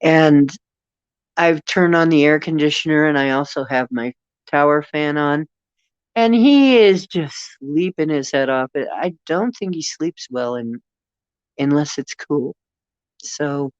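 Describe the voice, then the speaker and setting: In a casual livestream chat, an older host with a Northeastern Ohio accent talks expressively in a mid-range voice, a little slow. He laughs frequently and lets sentences trail off with fillers, and the audio has no room sound and clipped highs.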